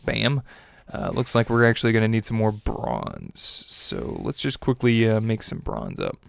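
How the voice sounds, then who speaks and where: A young gaming host with a low-ish, sing-song, congested voice and some vocal fry talks at a moderate pace over his own gameplay. His casual commentary is cheerful and chatty, full of little laughs and fillers, with faint music behind it.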